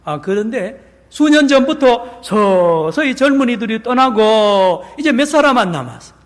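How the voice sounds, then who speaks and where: High-voiced pastor preaching in a reverberant church. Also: male voice, measured pace. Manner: animated preaching, acts out quotes, asks the congregation questions. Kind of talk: sermon. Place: large church sanctuary.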